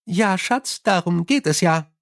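A calm, affectionate noblewoman, played by a man talks in a slightly raised, soft voice. She is patient and gently managing, as in a storybook reading. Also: high-pitched, unhurried, gravelly, pitched above the performer's own voice, exaggerated voice. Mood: fond. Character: gentle noblewoman, fond and calmly managing wife.

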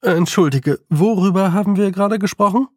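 A man's voice: high-pitched, a little fast, darkish tone, no room sound, clean studio sound, pitched above the performer's own voice. A man voicing a fussy, lawyerly talking toad. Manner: prim, apologetic, pedantic.

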